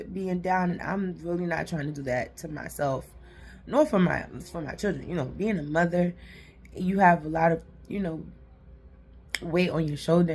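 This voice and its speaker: Raspy mom vlogging, low husky voice, swears a lot but keeps it uplifting. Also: female voice, a bit bright. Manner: blunt, profane and encouraging, says "y'all" and "honey". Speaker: vlogger and mother. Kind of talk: casual motivational talk to camera.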